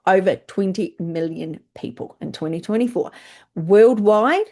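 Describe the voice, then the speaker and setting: A woman's voice: medium pitch, expressive, measured pace, warm tone. An older woman with a New Zealand accent giving a chatty, informal presentation as a travel agent recruiter, with plenty of fillers.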